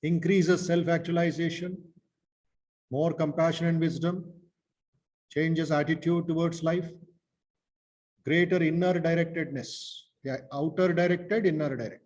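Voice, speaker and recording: A South Indian man speaks as a monk leading an informal spiritual class. His voice sits a little high for a man. He talks in short, halting phrases and often repeats a word to stress it. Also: steady tone, a little mellow.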